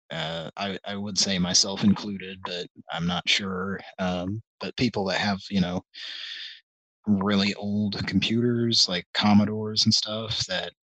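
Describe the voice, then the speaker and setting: Slow, husky, low-voiced middle-aged man. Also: sharp tone, no room sound, rough recording. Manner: meandering and hesitant, full of ums and restarts; wry, self-deprecating asides. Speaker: host of a live call-in stream. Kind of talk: rambling casual live-stream chat.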